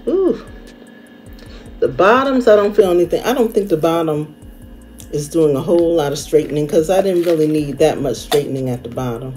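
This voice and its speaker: A woman's voice: deep voice, animated, moderate pace, a little mellow, faint music behind. A woman in a casual vlog, speaking with a finger on her teeth, chatty and plain-spoken. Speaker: vlogger.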